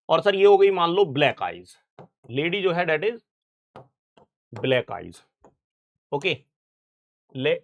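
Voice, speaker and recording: In an online biology lecture for exam prep, a young male teacher with a somewhat high voice keeps things casual and talkative. He repeatedly checks on his students with "right, sir?"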